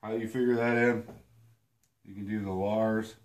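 An outdoors channel host from Illinois, a husky-voiced man in his thirties, gives a casual whiteboard lesson to a camera in a small room at home. Hoarse and sniffling from a cold, he keeps a low, level tone at normal speed. He rambles, makes fun of himself and uses many fillers.

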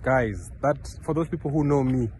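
A young vlogger from Kenya speaks earnestly into a closely held phone camera as he walks outdoors along a roadside park path. He speaks at medium pitch and a moderate pace in a slightly mellow tone, rambling with lots of restarts and fillers, and slight background noise can be heard.

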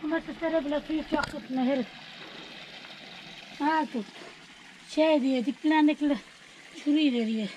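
Woman, high voice, chatty, matter-of-fact, noisy outdoor phone video. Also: normal speed, long pauses, darkish tone. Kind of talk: casual family chat outdoors.

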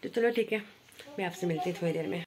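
A woman's voice: fairly low pitch, quick pace, a crowd in the background. A woman in her thirties chatting casually to her viewers as she narrates her day for a vlog. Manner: chatty, addresses viewers directly. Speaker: vlogger.

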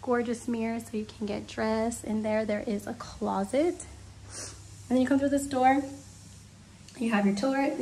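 A woman's voice: fairly high pitch, vocal fry, warm tone, a little hiss or hum. Gushing young woman touring a villa. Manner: gushing, enthusiastic. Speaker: travel vlogger. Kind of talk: casual room tour. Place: villa rooms and outdoor terrace. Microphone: handheld phone camera.

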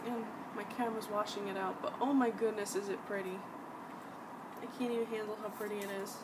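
A woman in her twenties reviewing beauty products in her bedroom, talking chattily and with enthusiasm, with frequent ums and restarts. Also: medium pitch. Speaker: beauty vlogger. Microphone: webcam at desk distance. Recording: distant mic, loud background noise.

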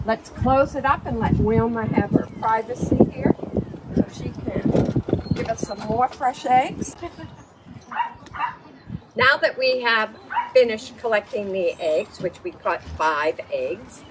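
A middle-aged woman hosts a children's farm storytime outdoors in a backyard pen, explaining things simply and haltingly in an unscripted show-and-tell for young kids. Her voice is on the high side and expressive. A camera a little way off picks up noisy outdoor sound with clicks.

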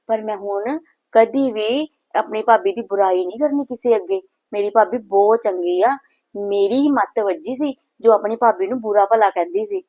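A woman's voice: mid-range voice, mellow, dry recording, close to an everyday voice. A woman playing a hot-tempered married daughter who resents her brother's wife, speaking with a Punjabi accent in a short film. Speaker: the daughter of the house.

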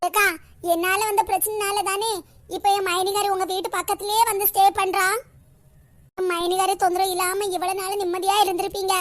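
A woman with a Kanyakumari Tamil accent voicing a scolding, indignant character in an animated comedy. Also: extremely high pitch, brisk, no echo.

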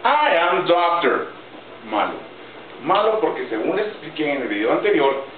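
Male teacher, deliberate lesson delivery, lively raised pitch; distant roomy sound. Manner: slow, deliberate, spells out examples word by word. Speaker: English teacher. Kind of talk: grammar lesson in Spanish. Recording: roomy, distant, phone-like audio with faint noise.

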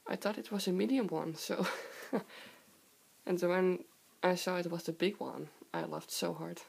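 Young woman doing a casual vlog, sore throat and stuffy cold, creaky, takes her time. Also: fairly low pitch, measured pace, a little mellow. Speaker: video host. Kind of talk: casual show-and-tell vlog. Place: indoor room with wooden floor. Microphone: handheld camera close by.

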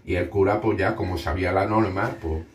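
A man, co-host of a home cooking show, telling a long joke in a lively way and laughing at his own punchlines. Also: deep voice, fairly quick, echoey room, distant mic. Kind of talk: telling a joke, casual kitchen chat.

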